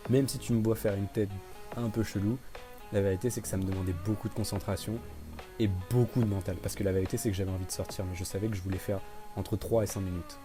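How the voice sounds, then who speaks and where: A man's voice: fairly low pitch, fairly even intonation, fast talker. A man narrating his own experience in a casual, conversational voice-over. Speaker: vlogger. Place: voice-over recorded separately. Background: guitar music.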